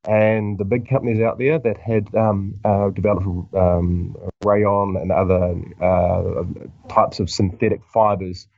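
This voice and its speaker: A middle-aged man with a broad New Zealand accent, explaining haltingly and in a measured way as a doctor being interviewed. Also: fairly low pitch, steady tone, no echo, narrow, tinny audio. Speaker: medical doctor, podcast guest. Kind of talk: informal explanatory interview answer.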